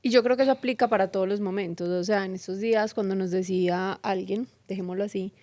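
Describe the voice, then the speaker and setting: A woman's voice: medium pitch, fairly even intonation, quick pace, a little mellow, no echo. Chatty woman host. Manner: conversational, relates personal examples. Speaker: podcast host. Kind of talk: casual chat.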